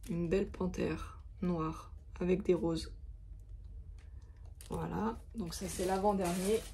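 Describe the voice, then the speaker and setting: A woman's voice: lowish voice, steady tone, takes it slowly, creaky, dark tone, a little hiss or hum. A woman vlogger chatting casually and hesitantly as she shows her craft supplies, with many fillers. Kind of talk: casual show-and-tell of craft stock.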